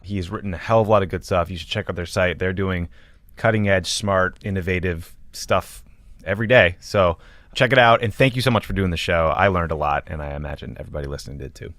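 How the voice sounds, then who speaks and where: A man hosting a podcast, chatting casually with a guest and then signing off the episode in a relaxed way. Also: deep voice, fast talker, no echo, studio quality. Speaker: podcast host.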